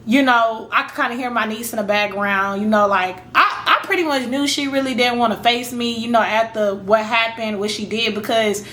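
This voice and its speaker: Bright-voiced chatty woman telling a story. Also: on the high side, moderate pace, few pauses. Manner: chatty, rambling, addresses viewers as y'all, acts out her own reactions. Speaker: storytime vlogger. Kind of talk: casual storytelling to camera.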